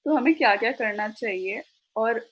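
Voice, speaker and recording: Woman moderator, reads questions aloud, husky voice, muffled call audio. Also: on the high side, lively intonation, normal speed, a bit bright. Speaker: moderator reading audience questions. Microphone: video call.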